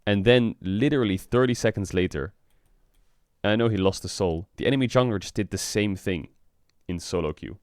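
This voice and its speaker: A man streaming in casual chat, frank and rambling, swearing often, with a flat delivery because he just woke up. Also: a little fast, dry recording, studio quality. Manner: flat, low-energy delivery. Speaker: streamer and esports team owner.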